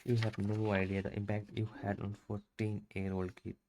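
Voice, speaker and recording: A man reading a book aloud for his channel, in a halting, stumbling way with restarts. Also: on the low side, completely flat delivery, a little mellow, slight background noise.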